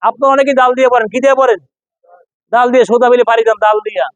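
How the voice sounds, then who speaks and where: A man's voice: very high voice, steady tone, very fast, clear, resonant tone, dry recording, highs cut off. A man teaching pronunciation to a class, repeating sounds and quizzing students in call-and-response drills. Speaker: Quran reading teacher.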